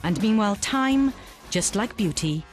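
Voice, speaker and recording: A woman's voice: medium pitch, lively intonation, a little slow. A woman reading scripted TV documentary narration with wry, dramatic phrasing. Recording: voice-over with music bed.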